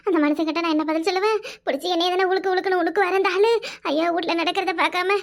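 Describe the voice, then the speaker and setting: A woman voicing a put-upon village daughter-in-law in a cartoon, complaining and sharp-tongued, with a Kanyakumari Tamil accent. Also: extremely high pitch, fairly even intonation, racing. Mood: wailing. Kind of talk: cartoon voice acting.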